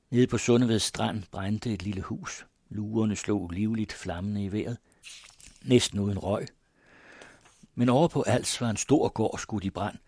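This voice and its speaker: A man reads a story aloud in a measured, even voice. His tone is lowish and husky. It is recorded close and dry. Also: dry recording. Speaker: audiobook narrator. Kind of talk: scripted narration.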